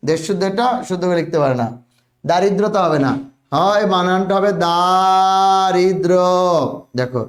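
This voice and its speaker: A man's voice: on the high side, reverberant. A man teaching a spelling lesson online, repeating words and often checking that students follow.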